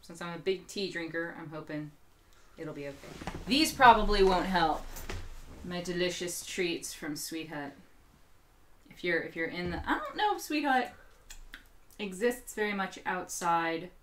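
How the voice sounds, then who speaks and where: A woman co-hosting a casual talk show, chatty and quick to laugh, her throat a little strained. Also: lowish voice, slight background noise. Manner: chatty, laughs often, animated bursts. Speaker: podcast co-host. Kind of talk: casual chat.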